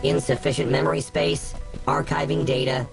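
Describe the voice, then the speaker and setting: A man's voice: fairly high pitch, fairly even intonation, normal speed, vocal fry. A man voicing a male machine system voice that reboots and reads out status reports in clipped announcements. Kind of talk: video game system voice. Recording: game audio with loud music behind.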